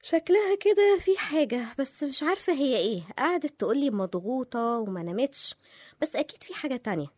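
A woman's voice: high voice, lively intonation, fast, darkish tone, dry recording, clean studio sound. A woman with an Egyptian Arabic accent acting a young wife in an audio drama, shaken by nightmares. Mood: drowsy. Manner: sleepy then panicked, pleading.

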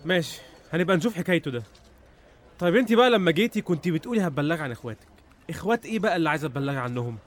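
An actor playing a brusque, sarcastic, intimidating police investigator with an Egyptian accent in a radio drama. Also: male voice, fairly high pitch, lively intonation, very fast, close to an everyday voice. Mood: sardonic questioning.

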